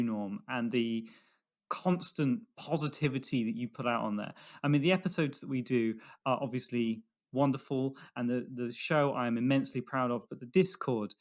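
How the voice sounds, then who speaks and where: Enthusiastic podcast co-host man. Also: mid-range voice. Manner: enthusiastic, halting when moved. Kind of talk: casual chat, reading listener messages.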